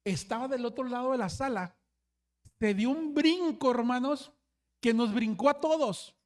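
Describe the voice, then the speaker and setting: A man's voice: extremely high pitch, measured pace. A man who is a pastor, preaching a sermon and telling a story, with frequent restarts and constant asides to his listeners. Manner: storytelling, often says hermanos, frequent restarts.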